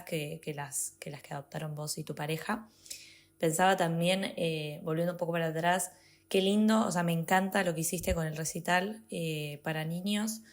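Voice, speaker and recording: A woman, a podcast co-host commenting reflectively and warmly. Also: deep voice. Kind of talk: interview commentary.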